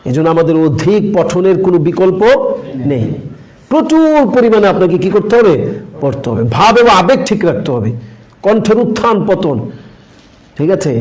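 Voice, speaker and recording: A man's voice: on the high side, darkish tone, low-quality recording. A man teaching a public speaking class, who repeats his points with emphasis and poses questions he then answers himself. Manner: emphatic and repetitive, asks questions and answers them; acts out sample recitations in a grand oratorical tone. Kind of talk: classroom lecture.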